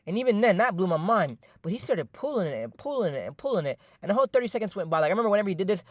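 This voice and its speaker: Young man, storytime voice-over: rapid, rambling, slangy and profane, fillers everywhere, a touch high. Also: big pitch swings, no echo, clean studio sound. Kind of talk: casual storytime narration.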